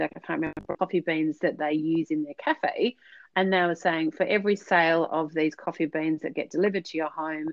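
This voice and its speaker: As a guest on a podcast, a business consultant answers interview questions conversationally, speaking earnestly, explaining things and using many fillers. Her voice sits low. The recording has no room sound and its highs are cut off.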